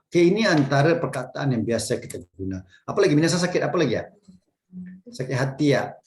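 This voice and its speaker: A man's voice: on the high side, big pitch swings, quick pace. A man teaching a casual online Japanese class, patiently repeating words for his students to echo.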